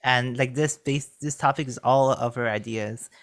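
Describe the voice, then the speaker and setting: Relaxed podcast host, hesitant. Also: medium pitch, moderate pace. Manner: loose, hesitant, many "like" and "I guess". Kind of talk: casual podcast chat.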